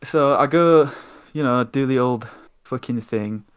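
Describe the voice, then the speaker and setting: A man's voice: mid-range voice, measured pace, clean tone. A young man hosting a podcast, telling an exasperated, sweary story in casual chat. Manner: sweary, exasperated ranting anecdote. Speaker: podcast host.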